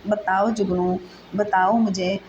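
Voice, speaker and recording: A devoted young wife, coaxing and pleading with her upset husband, as a woman reads her. The pitch barely moves. The recording is a little muffled, with faint noise behind it. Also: little pitch movement, darkish tone, lightly acted.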